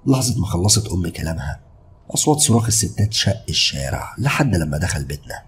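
Deep fast-talking Egyptian storyteller. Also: male voice, very animated, a little hiss or hum. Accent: Egyptian Arabic. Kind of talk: first-person horror story narration.

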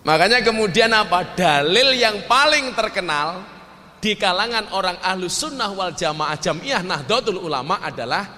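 A man's voice: sits high, moderate pace. A man with a Javanese accent preaching humorously, telling anecdotes and acting out the dialogue in his stories. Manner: lively storyteller acting out dialogue in quoted voices. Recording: long hall reverb, faint background noise.

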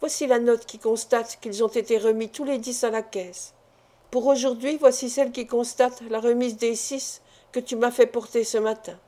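A woman's voice: fairly high pitch, fairly even intonation, normal speed, mellow, close to an everyday voice. A woman reading the lines of a flustered young adult son who explains himself defensively.

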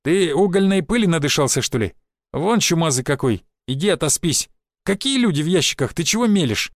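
A man voicing a gruff, dismissive male ship guard who talks in a rough, scornful way. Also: fairly high pitch, fairly quick, no echo, studio quality, close to an everyday voice. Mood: scoffing.

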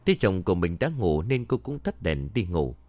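A man tells a ghost story dramatically, and his pitch moves widely. His voice is low. The recording is dry and close. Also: big pitch swings, normal speed, a little mellow, dry recording. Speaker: narrator. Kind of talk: horror story narration.

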